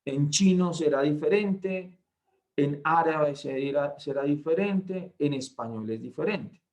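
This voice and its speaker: A man leads an online Bible lesson. He speaks slowly and with emphasis, reads verses aloud, and keeps checking that his listeners follow. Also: on the high side, darkish tone. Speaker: Bible class tutor.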